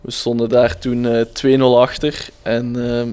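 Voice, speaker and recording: A man with a medium-pitched voice and a Flemish accent from Belgian Limburg gives a casual interview. He is diplomatic and measured, often hesitating as he picks his words. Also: completely flat delivery, dark tone, clean tone. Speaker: footballer being interviewed.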